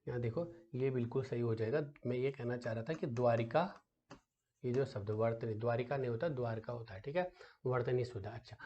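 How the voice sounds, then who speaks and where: Speaking fairly quickly with a dark tone at medium pitch, a male teacher drills students for an exam, repeating "ठीक है" and checking back with rhetorical questions. He patiently explains and calls them "बेटा", though the highs are cut from the recording.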